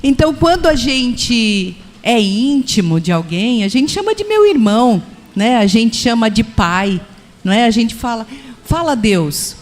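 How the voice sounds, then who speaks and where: A woman's voice: fairly high pitch, a little mellow. Brazilian female church speaker, personal and questioning, reverberant hall sound. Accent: Brazilian Portuguese. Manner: personal, asks listeners questions. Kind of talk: sermon-style teaching. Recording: echoey hall with long reverb.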